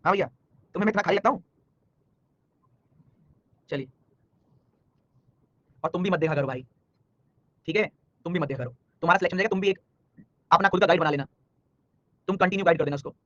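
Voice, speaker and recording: A man teaching a live online reasoning class, talking fast and teasing and scolding his students by name. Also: a little high, fairly bright tone, muffled recording. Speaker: online exam-prep teacher.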